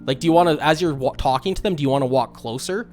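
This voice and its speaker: A man's voice: fairly high pitch, quick pace, a little mellow, soft background music. A man running a tabletop game as game master, talking casually and hesitantly, with many fillers and restarts as he describes scenes.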